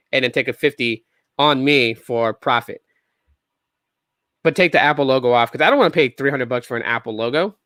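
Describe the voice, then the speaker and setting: A man's voice: medium pitch, sharp tone, dry recording. A man in his thirties hosting a solo tech podcast, talking casually and rambling with sarcastic asides and lots of restarts. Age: 30s.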